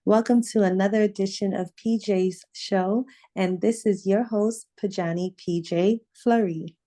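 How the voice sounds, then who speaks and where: A woman's voice: mid-range voice, steady tone, unhurried, mellow. A woman hosting a radio interview show, speaking in a formal, welcoming announcer manner in a radio studio.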